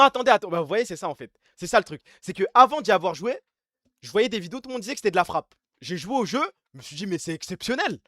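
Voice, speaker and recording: A man's voice: high voice, fairly bright tone, no room sound, studio quality. A man from France streaming live, chatting casually and bluntly in slang while ranking his favorite games.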